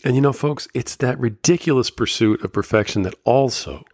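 Slightly scratchy from a summer cold, a fairly low-pitched man hosts a solo podcast in a candid, motivational way. The sound is clean studio audio without echo.

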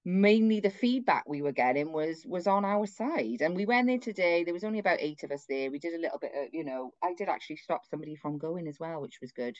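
A woman with a low voice talks bluntly and casually, rambling through a story with asides and fillers. The sound is dry and a little dull. It feels like an everyday, unpolished recording. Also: expressive, quick pace, hardly any pauses, dry recording. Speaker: activist describing a street protest.

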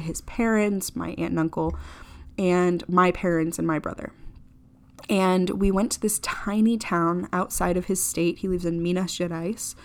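A woman's voice: lowish voice, a little mellow. Chatty young woman rambling on a podcast. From United States. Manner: rambling, chatty, frequent "like" fillers, blunt and profane. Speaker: podcast host. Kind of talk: casual solo podcast chat.

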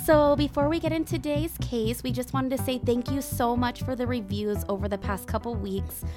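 A woman's voice: on the high side, fairly even intonation, moderate pace, music in the background. A woman bantering casually as a podcast co-host, informal and slangy. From Northern California. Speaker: co-host of a true crime podcast.

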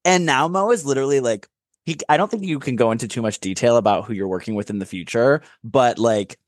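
A man's voice: fairly high pitch, dry recording. Effusive man on podcast, dry sound. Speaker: podcast co-host. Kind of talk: casual chat.

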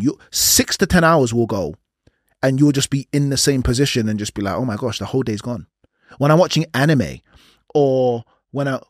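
A man's voice: mid-range voice, no room sound, clean studio sound. A man hosting a casual solo podcast, rambling and self-deprecating, often laughing at himself. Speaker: podcast host.

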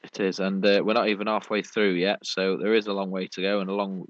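In a dull, lo-fi dry recording, a British man with a voice that sits low speaks fairly quickly in a level tone. He hosts a sports podcast, casually reviewing the action and explaining things in a rambling, matey style.

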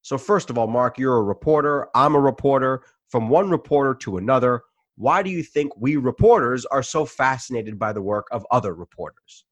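A man hosting an interview podcast, reading a measured, formal introduction and asking questions. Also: medium pitch, lively intonation, no echo.

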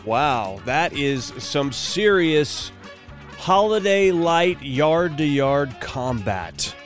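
Animated male morning radio host over music. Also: a little high, very slow. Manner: playful, mock-dramatic delivery.

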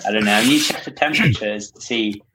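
A man joining a podcast chat as a guest, relaxed and good-humoured. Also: lowish voice, fast. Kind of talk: casual chat. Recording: audible background noise.

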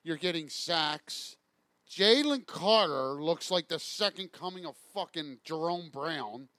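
A man's voice: fairly high pitch, lively intonation, slow pace, bright, forceful tone, dry recording. A man co-hosting a sports talk show, complaining in exasperated, profane banter. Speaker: podcast co-host.

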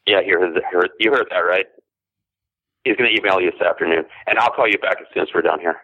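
A man with a lowish voice comes through a tinny, narrow phone line. His sound is dry and close, with no room around it. He talks in an easygoing, offhand way. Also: fast, no echo. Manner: breaks off to answer a landline, easygoing. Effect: heard over a phone line. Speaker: podcast guest. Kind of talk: casual chat.

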